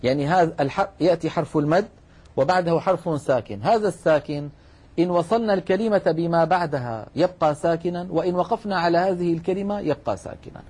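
Patient recitation teacher, man, husky voice, a bit high. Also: darkish tone. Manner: measured, patient, repeats key points. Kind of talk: explanatory lesson.

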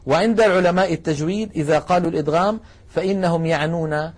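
A man lecturing a class, explaining carefully and slowing down to demonstrate sounds, asking students to try along. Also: on the high side. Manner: addresses students directly, asks them to try along. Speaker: Quran recitation teacher.

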